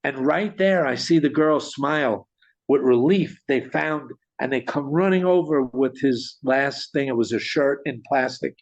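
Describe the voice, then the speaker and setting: A man telling a story in conversation, animated, with frequent restarts and small chuckles. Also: medium pitch, measured pace. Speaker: guest storyteller. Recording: dull lo-fi sound.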